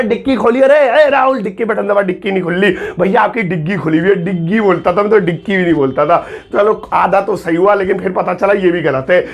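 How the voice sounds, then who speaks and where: A man with a high-pitched voice gives a relaxed video lesson on English usage. He teases and jokes as he goes and slips English phrases into his explanations. He sounds young and chatty. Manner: playful, joking, mixes Hindi with English phrases. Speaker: English teacher. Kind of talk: casual Hindi video lesson.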